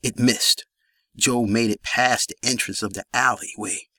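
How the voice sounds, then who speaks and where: A man reads a gritty crime story as an audiobook, keeping an even, steady storytelling manner. His voice is bright and crisp, recorded dry and close with no room around it. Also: mid-range voice, measured pace, no room sound. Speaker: narrator. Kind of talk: audiobook narration.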